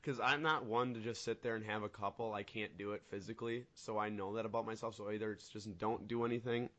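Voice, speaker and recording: He's a fast talker with a lowish voice, a mid-twenties man co-hosting a podcast. His storytelling is rambling and animated, broken up by laughs, and the recording has a dull lo-fi quality.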